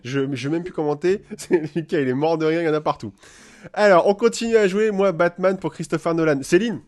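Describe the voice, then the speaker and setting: Playful French host, slightly high. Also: male voice. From France. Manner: lively, playful, laughs often. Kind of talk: casual live chat. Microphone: live video call.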